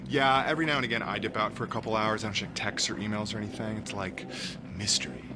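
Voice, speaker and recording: A man's voice: lowish voice, steady tone, fast, very noisy, close to an everyday voice. An actor playing a chatty young man rambling casually. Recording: loud outdoor ambience behind.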